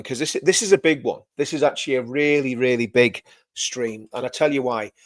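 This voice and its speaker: A man with a loud, medium-pitched voice hosts a casual livestream, chatting right to his viewers. His delivery rambles, with words repeated and corrections made on the fly.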